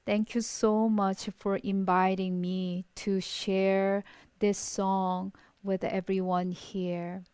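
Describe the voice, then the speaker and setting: A woman from South Korea with a Korean accent, a guest artist on a video call, speaking in a slow, measured, reverent way before a song. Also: medium pitch, level tone, a little mellow, clear, resonant tone, dry recording. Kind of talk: spoken introduction before a song. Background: faint guitar.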